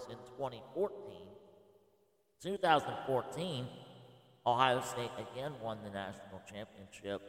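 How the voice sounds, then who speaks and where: Man, thirties, casual talk, halting and filler-heavy, echoey room, long reverb. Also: mid-range voice. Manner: rambling, many filler pauses. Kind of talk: casual spoken presentation.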